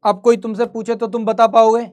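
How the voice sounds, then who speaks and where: A man's voice: very high-pitched, little pitch movement, brisk, a little mellow. A man leads a history class in Hindi mixed with English, in a chatty teacher's voice. He keeps asking the students questions and then answers them himself, and he keeps the lesson moving at an easy, talkative pace. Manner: conversational, quizzing students and answering his own questions. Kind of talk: live online class lecture.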